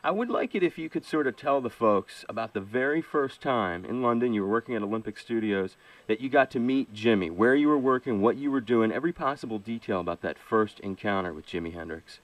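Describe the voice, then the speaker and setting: A man's voice: mid-range voice, animated, brisk, no room sound, recorded from a distance, low-quality recording. A man hosting a radio show who introduces and questions a guest with upbeat DJ patter. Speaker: radio DJ host. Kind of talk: radio interview.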